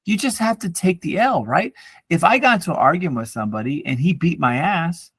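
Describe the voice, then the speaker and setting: This podcast co-host, a man in his forties, speaks fairly quickly in a slightly high voice with a breathy edge, on a dry recording. His casual chat is a profane mix of ranting and lively storytelling.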